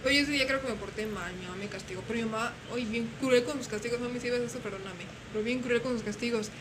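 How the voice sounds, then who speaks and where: A young woman telling stories in casual chat, animated and acting out voices. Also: a little high, racing. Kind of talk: casual storytelling. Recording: noisy room.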